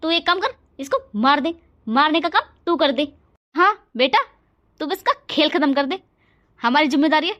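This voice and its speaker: A woman's voice: high-pitched, lively intonation, moderate pace, sharp tone, highs cut off. A woman voicing a scheming cruel mother-in-law. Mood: menacing. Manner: harsh, goading.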